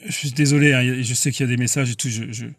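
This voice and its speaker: A man preaching casually on a live stream and answering viewers' comments, halting and repeating words, earnest and insistent. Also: mid-range voice, steady tone, no echo, clean studio sound.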